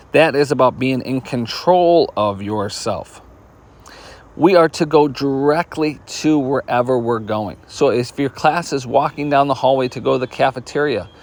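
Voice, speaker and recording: A man speaks to students in a school instructional video with a firm, directive delivery. His voice sits at an ordinary middle pitch. He talks like a principal setting out plain rules.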